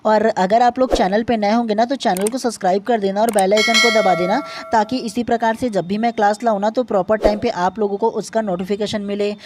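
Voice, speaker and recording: A man's voice: high voice, steady tone, fairly quick, few pauses, noisy background. A man teaching an online exam-prep lesson, explaining step by step with lots of filler words and repeatedly checking that his students follow.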